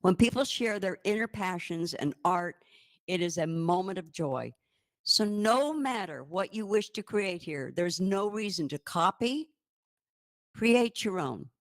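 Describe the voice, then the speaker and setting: A woman co-hosting a live-stream news show, reading items in a cheerful, measured way. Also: on the low side, animated, no room sound, clean studio sound. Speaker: co-host.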